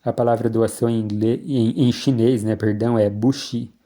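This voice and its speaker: A man's voice: lowish voice, flat delivery, fairly quick, warm tone. A man, a psychologist giving an explanatory lecture and checking in with frequent tag questions.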